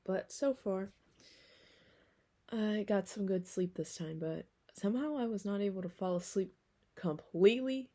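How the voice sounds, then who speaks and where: A woman's voice: mid-range voice, measured pace, warm tone. A sleepy young woman vlogging casually, rambling with lots of fillers and yawns. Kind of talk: casual vlog talk.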